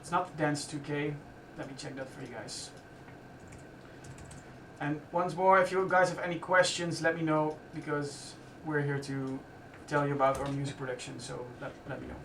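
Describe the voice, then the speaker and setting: A man hosting a live stream from a music studio, explaining his production steps casually as he works and often pausing to restart his sentences. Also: fairly high pitch, steady tone, noisy background. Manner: thinks aloud while working, halting with restarts. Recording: roomy studio sound from a distance.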